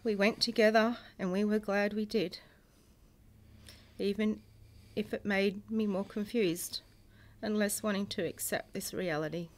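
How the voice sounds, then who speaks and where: A middle-aged woman, a bereaved mother reading a prepared personal statement in a solemn, measured way, in grief. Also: mid-range voice, fairly even intonation, darkish tone. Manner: solemn, measured delivery in short phrases. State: grieving.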